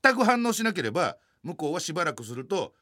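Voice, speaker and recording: A man in his forties with a Kansai accent, telling a funny story in a lively, self-mocking way. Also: fairly high pitch, quick pace, no echo, clean studio sound. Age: 40s. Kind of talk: comic storytelling chat.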